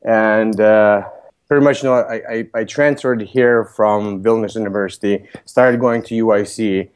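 This podcast guest is a real estate broker from Lithuania, a man in his thirties with a Lithuanian accent. He responds to interview questions plainly and in a businesslike manner, his lowish, darkish, clean voice keeping a steady tone at normal speed.

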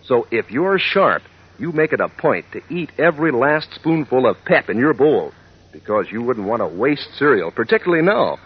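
A man's voice: medium pitch, sing-song, moderate pace, slightly rough. A man reading a scripted commercial as an old-time radio announcer, peppy, folksy and slangy in his salesmanship. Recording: dull, vintage radio recording.

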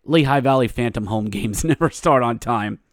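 A man's voice: medium pitch, normal speed, no room sound. Wry male sports podcaster, dry close sound. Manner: wry, colloquial, short emphatic phrases. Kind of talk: casual, opinionated game recap.

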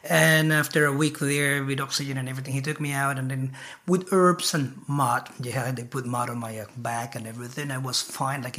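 A man's voice: medium pitch, a bit bright. A man from Colombia with a Spanish accent, a guest telling his background in a casual interview, hesitant, with many fillers.

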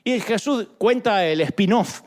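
Speaking slowly to his congregation, a preacher delivers a sermon in a high voice that constantly swoops up and down. He tells the story playfully and with animation, weaving in jokes.

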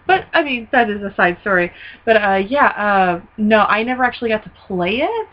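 A woman co-hosting a casual movie podcast, excitable and joking, with some swearing. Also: medium pitch, normal speed, muffled recording. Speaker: podcast co-host.

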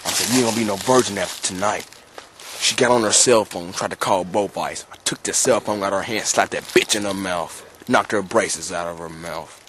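A man telling a story outdoors in the woods in a low, hushed, matter-of-fact way. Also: brisk, background noise. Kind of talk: confessional monologue.

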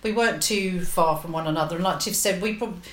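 A woman's voice: lowish voice, fairly quick, a bit bright. A woman, a guest chatting in an interview, rambling and hesitant with many fillers. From England. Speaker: guest, comedian's sister. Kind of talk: casual interview chat. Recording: roomy echo.

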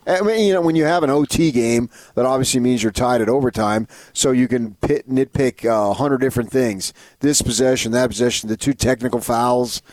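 A man's voice: mid-range voice, fairly quick, hardly any pauses, a little mellow, no echo. A man co-hosting sports talk, giving conversational commentary and repeating phrases for emphasis. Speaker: sports radio co-host.

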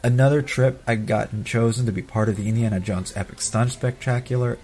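A man's voice: medium pitch, fairly even intonation, brisk, darkish tone, slight background noise. A middle-aged man telling personal stories as an audio host, in a casual, sentimental way. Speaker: podcast host narrating family trip memories.

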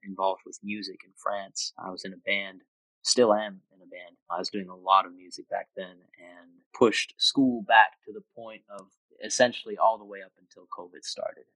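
A man in his twenties who grew up in Austria appears as a podcast guest in a casual conversation, with a low, sharp voice. He sounds thoughtful and reflective, restarting often, and the low-quality recording has no echo.

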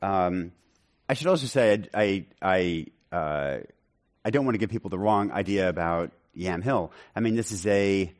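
A man answering interview questions as an author, in a measured way with frequent ums and restarts. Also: low voice.

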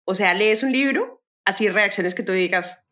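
A Colombian woman talks casually as a podcast host, her voice sitting at an ordinary middle pitch. She tells stories in a loose, rambling way, full of fillers and restarts. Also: normal speed, a bit bright. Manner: chatty storyteller with many fillers and repetitions. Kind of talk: casual conversation about books.

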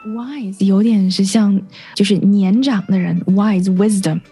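A woman's voice: mid-range voice, fairly even intonation, takes it slowly, dark tone, soft background music. A woman teaching English vocabulary on a radio lesson, patiently explaining words and spelling them out letter by letter.

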